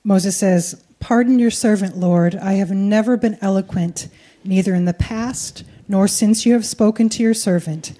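A woman with a warm, mid-range voice preaches a little slowly. Her sermon is conversational and colloquial, delivered in short phrases so it can be interpreted live.

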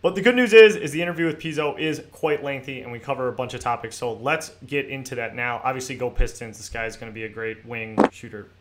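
A man's voice: mid-range voice, steady tone, quick pace, few pauses, noisy background. A young man hosting a casual sports podcast from his garage, loose, profane and self-mocking. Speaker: podcast host. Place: hot home garage.

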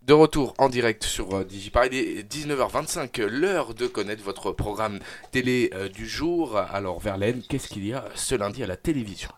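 A man reads the news live on local radio with a rather low voice. He stumbles often and fills pauses with drawn-out hesitation sounds. He speaks into a studio microphone. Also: a little hiss or hum. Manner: hesitant, frequent filler sounds.

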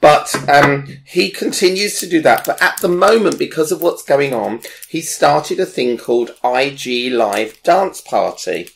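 A man's voice: fairly high pitch, animated, measured pace, creaky, hardly any pauses, a little hiss or hum. A man chatting enthusiastically as a presenter, rambling with fillers as he recommends people. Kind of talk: casual chat recommending online creators.

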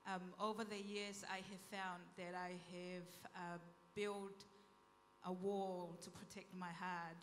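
A woman from Tonga sharing a heartfelt church testimony in a soft-spoken way. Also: lowish voice, level tone, slow pace, long reverb tail, a little hiss or hum. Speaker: panel speaker at a church event. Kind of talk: testimony talk.

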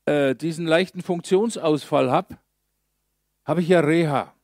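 Pastor guy preaching, kinda high voice, tells it like a story with big pauses, dry close sound. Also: dry recording. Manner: lively storytelling, slow emphatic pauses, acts out voices. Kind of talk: sermon.

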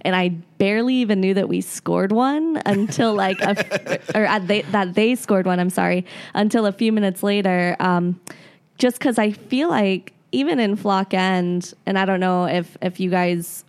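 A woman's voice: mid-range voice, normal speed, clean tone. A woman talking casually on a sports podcast about the fan section's energy, laughing and correcting herself. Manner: giggly, self-correcting. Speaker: supporter-section guest.

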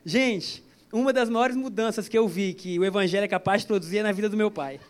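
A man's voice: sits high, fairly quick. A man preaching a sermon to a church service, chatty and joking, with stories woven in. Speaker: pastor.

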